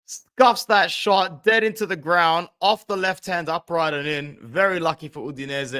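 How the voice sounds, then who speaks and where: A young man with a slightly high voice hosts a casual football fan stream, speaking directly to his viewers. As highlights play, he swings from loud outbursts to quiet, muttered asides in his live commentary.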